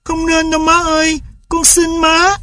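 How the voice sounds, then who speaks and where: Brief: man voicing an eager, pleading little boy for an audiobook, very high. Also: slow pace, bright, forceful tone, no room sound, studio quality, exaggerated voice. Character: young boy, pleading and adoring his dog.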